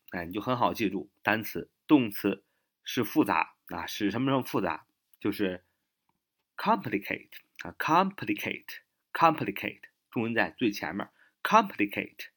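Low-voiced man teaching word roots. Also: fairly bright tone. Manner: repeats words and spells them letter by letter; frequent filler particles. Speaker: English vocabulary teacher. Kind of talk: spoken vocabulary lesson.

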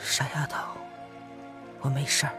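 A woman doing a soft-spoken wounded young emperor. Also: a little slow, over music, natural voice. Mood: low teasing. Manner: low, soft, half-whispered. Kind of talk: audiobook character voice.

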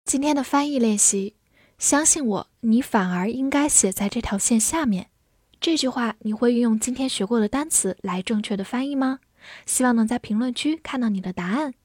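A woman teaching English vocabulary in a clear, patient way, spelling words out and reading example sentences slowly. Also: a little high, a little mellow, dry recording, clean studio sound. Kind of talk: vocabulary lesson.

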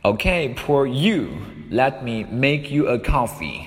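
A man's voice: medium pitch, animated, takes it slowly, voice pushed up. A man reading the part of a friendly man who asks his tired friend what's wrong, in a plain caring way. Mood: concerned. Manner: plain caring reading of a learner's dialogue line. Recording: long room reverb.

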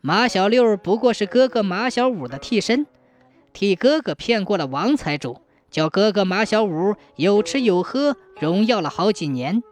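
A storyteller narrating a folk tale in a scripted, expressive manner. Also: mid-range voice, normal speed.

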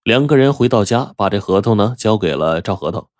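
A man telling a traditional story in a lively, animated storyteller manner. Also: fairly low pitch, brisk, dry recording, studio quality. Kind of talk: oral storytelling.

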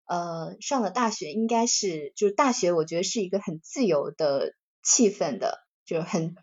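A woman's voice: lowish voice, darkish tone. Hesitant woman on a dull line. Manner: thoughtful, hesitant, self-deprecating. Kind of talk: casual discussion. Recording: dull lo-fi sound.

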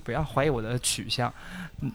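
A man's voice: medium pitch, brisk, vocal fry, crowd noise. Chatty man telling a story. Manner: chatty anecdote-teller. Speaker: guest. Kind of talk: casual storytelling.

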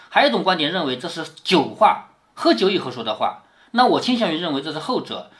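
A man reading a classic novel aloud to his daughter and explaining it in plain words as he goes, often checking in with "isn't it?" and dropping low and soft on those questions. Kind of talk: explanatory read-aloud storytelling.

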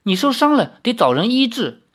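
A man voicing a brash, playful young swordsman in a read-aloud novel, raised high and cheeky. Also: big pitch swings, moderate pace, exaggerated voice. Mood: eager.

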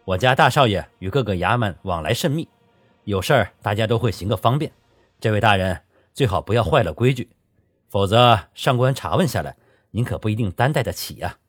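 A man voicing a proud steward of a rich household, speaking with polite, veiled threats in a husky, lively voice. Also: fairly low pitch, fairly quick, no room sound, clean studio sound. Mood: smoothly warning. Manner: polite but veiled threats, then enraged.

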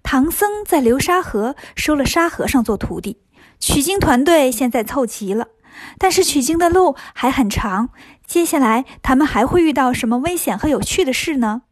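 A woman storyteller narrating a children's story in a lively, chatty way. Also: sits high, normal speed, dry recording.

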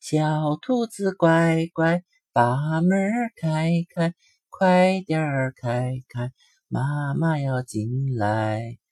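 A man voicing a gentle mother rabbit who sings slowly at her door in a children's story. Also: fairly high pitch, no echo, studio quality, pitched above the performer's own voice. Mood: tender singing. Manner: slow lilting sing-song.

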